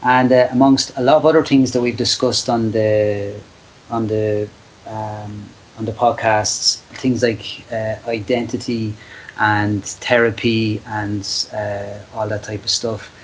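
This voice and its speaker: A man with an Irish accent hosting a casual podcast interview, often halting as he searches for words. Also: lowish voice, level tone, a little hiss or hum, rough recording. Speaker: podcast host.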